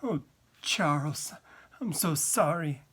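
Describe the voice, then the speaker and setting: A man's voice: a little high, animated, slow pace, fairly bright tone, husky, exaggerated voice. A man voicing a hurt middle-aged wife in a read-aloud story, pleading and emotional. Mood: tearful.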